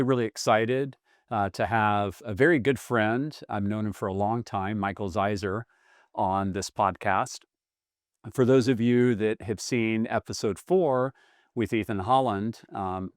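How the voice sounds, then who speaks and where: A man's voice: fairly low pitch, dry recording, studio quality. A man in his fifties, hosting a casual podcast interview in an enthusiastic, effusive way. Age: 50s. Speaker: podcast host.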